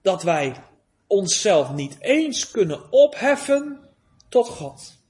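A man preaching a sermon, solemn and pleading, with long pauses and rising emphasis. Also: high-pitched, big pitch swings, darkish tone.

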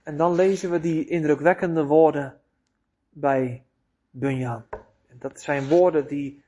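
A man preaching a sermon in a deliberate, emphatic way, with rhetorical questions to his listeners. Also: a little high, steady tone, dark tone.

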